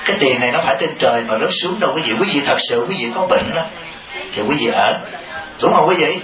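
A man giving a Buddhist Dharma talk to a congregation, lively and teasing, often asking the listeners questions. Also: mid-range voice, quick pace, a crowd in the background. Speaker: Buddhist monk. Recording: dull, echoey hall audio from a distance with noise.

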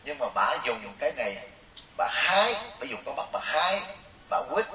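A man's voice: a little high, sing-song, moderate pace, vocal fry, sharp tone, a little hiss or hum. A middle-aged man giving a humorous Buddhist sermon, chatty and storytelling, often turning to ask his listeners questions. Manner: storytelling, chatty, keeps asking the audience questions. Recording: roomy, distant mic.

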